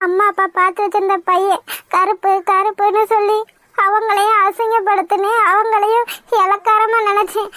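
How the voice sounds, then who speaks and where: A woman's voice: very high voice, level tone, normal speed, a bit bright, dry recording. A woman voicing a remorseful young village woman in a cartoon, speaking in sobbing, self-blaming pleas. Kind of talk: cartoon voice acting.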